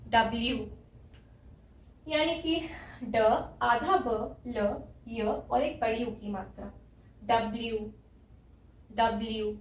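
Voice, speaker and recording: A woman from India teaching English letter sounds, patiently repeating each sound step by step. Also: sits high. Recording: echoey room, voice from a distance.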